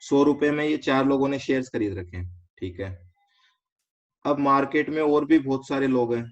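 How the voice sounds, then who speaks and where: An Indian man with a medium-pitched voice teaches a finance class online, walking through ideas step by step and tossing quick check questions to his students. He blends English terms into his explanations, and the recording sounds slightly dull and lo-fi.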